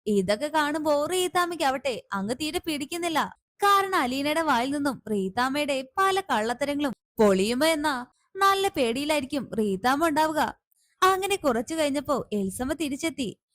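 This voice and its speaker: A woman retells a family drama serial in a conversational, unhurried way. Her voice sits high and sounds dry and close to the mic. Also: expressive, fairly bright tone, no echo. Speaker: narrator. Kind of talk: storytelling recap of a TV serial.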